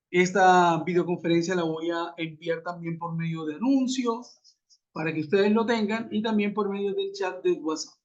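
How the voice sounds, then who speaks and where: A man teaching an English lesson in an online class, explaining patiently and asking rhetorical questions over a web conference. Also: sits high. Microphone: computer mic on a video call. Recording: muffled web conference audio.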